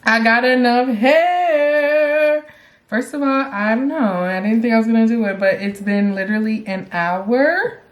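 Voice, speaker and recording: A woman's voice: mid-range voice, moderate pace. A young woman chatting casually to her viewers while doing her own hair, explaining each step in a self-assured way. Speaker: beauty vlogger. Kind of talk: casual hair tutorial talk.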